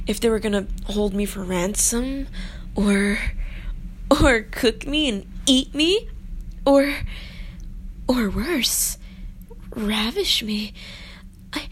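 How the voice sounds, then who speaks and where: Woman acting a coy, creaky-voiced young captive princess. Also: fairly high pitch, slight background noise, low-quality recording. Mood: breathy, relieved. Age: young adult. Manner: breathy, coy, pleading, playful. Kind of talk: intimate audio role-play.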